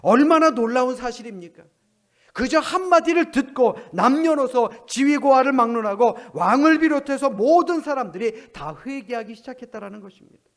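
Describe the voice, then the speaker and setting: Male pastor, fairly high voice; sermon delivery, rhetorical questions, loud peaks and quiet drops. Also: animated, normal speed.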